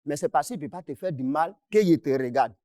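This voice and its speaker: A man with a slightly high, mellow voice talks fast as he angrily faces down someone who owes him money in a heated confrontation on a mediation show. He insists, repeats himself and cuts in, with no echo on the recording.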